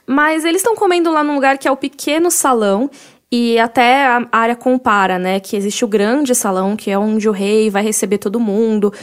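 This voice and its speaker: Mulher com sotaque brasileiro, coapresentadora de um podcast, explicando com entusiasmo e cheia de "né" e "tipo". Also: female voice, a little high, a little fast, smooth. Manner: enthusiastic, explains at length with many "né" and "tipo". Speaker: podcast co-host. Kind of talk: casual chat about a book.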